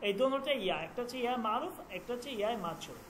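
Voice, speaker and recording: A man teaching a language class online, repeating each letter sound slowly and checking that students follow. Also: very high voice, very animated, fairly bright tone, a little hiss or hum.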